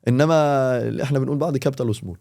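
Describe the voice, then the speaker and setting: A man with an Egyptian Arabic accent, a teacher talking in a casual podcast and explaining with quick, animated examples. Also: medium pitch, gravelly. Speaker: English teacher, podcast guest.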